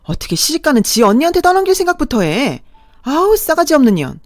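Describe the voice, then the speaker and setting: A woman voicing an aging mother who nags and scolds her daughter in a sharp, raised voice. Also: high voice, big pitch swings, fast talker, no echo, soft background music, voice pushed up. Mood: scolding. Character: aging mother, shrill, scolding and self-pitying.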